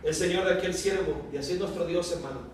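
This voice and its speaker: A man's voice: high voice, fast talker. Man, pastor, evening sermon, reads scripture aloud, faint hiss, far from the mic. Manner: calls out questions and the congregation answers back; reads scripture aloud, raising his voice for dialogue. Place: church sanctuary. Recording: very echoey hall, from a distance, faint hiss.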